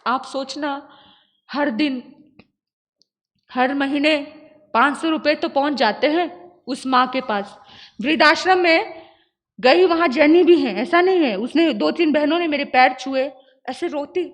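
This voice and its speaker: A woman sadhvi giving an emotional storytelling sermon, moving between loud appeals and hushed narration. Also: high-pitched, measured pace, pauses often. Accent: Hindi. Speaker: Jain sadhvi preacher. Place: large hall, live sermon. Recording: echoey hall reverb.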